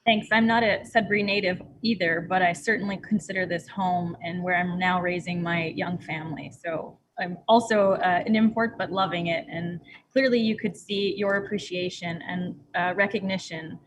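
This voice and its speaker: A woman's voice: on the low side, steady tone, normal speed, background noise. A woman in her thirties from Montreal, giving thoughtful, meandering feedback as a competition juror over a video call from a small home room.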